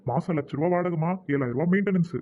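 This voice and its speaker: A man voicing a weary, grumbling male flat caretaker in a cartoon, sounding exasperated. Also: fairly high pitch, quick pace, phone-quality sound, over loud music, lightly acted. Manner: exasperated, sighing complaints.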